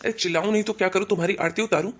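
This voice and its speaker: Cartoon role: hot-tempered husband, thirties, voiced by a woman, mid-pitched voice, stern scolding delivery. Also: fairly even intonation, very fast, natural voice. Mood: angry.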